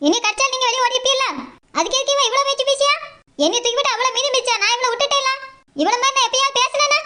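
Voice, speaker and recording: A woman's voice: very high-pitched, racing. A woman voicing Saroja, a defiant quarrelsome village woman. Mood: aggrieved. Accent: southern Tamil Nadu dialect. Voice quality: sharp retorting. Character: defiant quarrelsome village woman who lost her chain.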